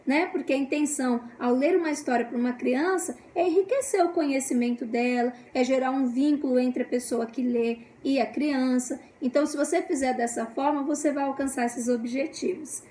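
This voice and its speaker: A woman's voice: moderate pace, hardly any pauses, mellow. A Brazilian woman in her thirties, a psychopedagogue, giving casual parenting tips and checking in with "né?" as she explains. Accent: Brazilian Portuguese. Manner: acts out the scolding parent in a shrill, raised voice. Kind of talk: casual instructional talk to camera. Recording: echoey room, faint background noise.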